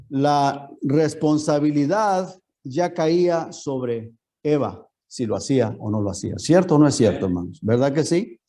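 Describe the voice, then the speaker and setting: Mellow-voiced pastor questioning his flock. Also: fairly high pitch. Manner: keeps asking the congregation rhetorical questions. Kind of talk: Bible lesson sermon. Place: church.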